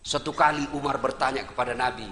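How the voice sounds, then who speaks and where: Bright-voiced, teasing man preaching. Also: mid-range voice, fast talker, slight background noise. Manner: lively, teasing, emphatic, addresses audience. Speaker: Islamic preacher. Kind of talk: humorous sermon. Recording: echoey hall with long reverb.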